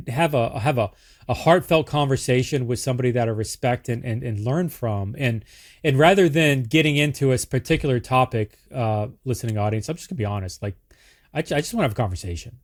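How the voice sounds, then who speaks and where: A man hosting a podcast, chatting casually and rambling with many restarts and repeated words. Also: medium pitch. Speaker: podcast host. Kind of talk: casual interview chat.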